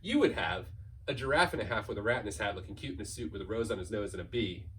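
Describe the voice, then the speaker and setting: A school staff member with a fairly low voice reads a children's picture book aloud, playful and theatrical, with lively intonation and a fast pace. He stretches key words and races through piled-up lists, recorded far from the mic against a noisy background.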